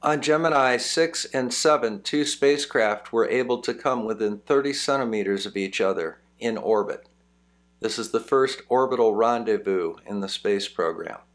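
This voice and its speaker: A man's voice: mid-range voice, normal speed. A man hosting a science video with explanatory, scripted documentary narration.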